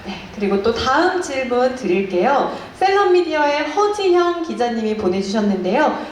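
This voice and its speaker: A woman's voice: sits high, sing-song, normal speed. A woman hosting a press event in a polished, polite and formal presenter's manner, speaking articulately. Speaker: showcase host. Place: indoor press showcase venue. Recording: very echoey hall, faint noise.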